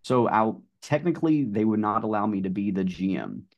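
A middle-aged man with a Southern drawl, telling his car sales story in a relaxed podcast chat full of fillers. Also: on the low side, fairly quick, highs cut off. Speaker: guest, car sales manager. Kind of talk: casual podcast conversation.

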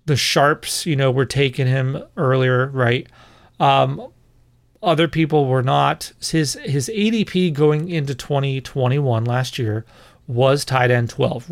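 Dude riffing on fantasy football, casual and opinionated, mid-pitch voice. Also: male voice. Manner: opinionated, conversational with self-corrections. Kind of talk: casual podcast monologue.

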